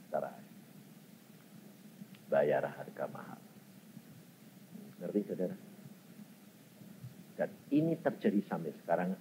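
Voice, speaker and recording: Lively Javanese-accented male preacher. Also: low-pitched. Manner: animated storytelling, acting out quoted voices. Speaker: evangelist preacher. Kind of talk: sermon with personal stories. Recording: dull recording in a reverberant hall, faint noise.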